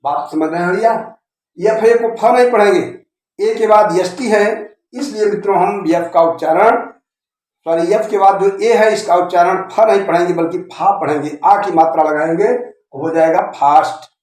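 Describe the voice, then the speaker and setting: High-voiced male teacher, very echoey room. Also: normal speed, a little mellow. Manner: repetitive, checks understanding often. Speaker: English grammar teacher. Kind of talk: classroom-style video lecture.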